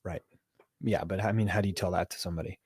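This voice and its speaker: A man co-hosting a podcast, speaking openly about his marriage in a self-reflective, halting way. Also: sits low, fairly even intonation, darkish tone, breathy edge, no room sound, studio quality. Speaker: podcast co-host. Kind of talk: candid casual chat about marriage.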